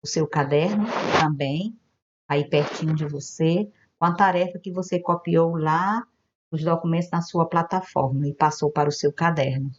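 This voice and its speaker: Patient woman teacher, low and muffled. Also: steady tone, moderate pace, slight background noise. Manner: gentle, patient, explains step by step. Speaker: primary school teacher. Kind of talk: recorded online lesson. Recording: dull lo-fi home video audio.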